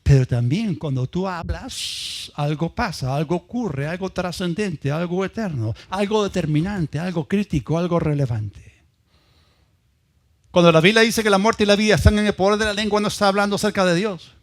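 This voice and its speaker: Man, Peruvian Spanish accent, pastor, emphatic sermon, rather high voice, stacks words in lists. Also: normal speed. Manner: emphatic, repeats ideas in lists, asks the congregation questions.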